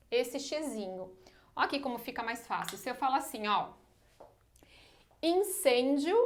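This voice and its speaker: A Brazilian-accented woman teaches a literature class. She explains each point carefully, stops to ask if everyone is following, and counts out syllables slowly. Her voice sits a little higher than most. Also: a bit bright. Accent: Brazilian Portuguese. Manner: explanatory, checks in often with "tá?" and "né?". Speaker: Portuguese language teacher. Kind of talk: online literature lesson.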